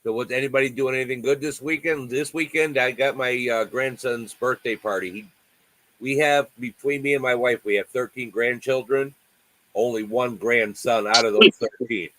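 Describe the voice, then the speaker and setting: A man's voice: mid-range voice, steady tone, normal speed, pushed and bright, low-quality recording. A man in his sixties hosting a casual livestream chat from home on a video call, talking in a friendly, rambling way with many restarts. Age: 60s. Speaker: livestream host.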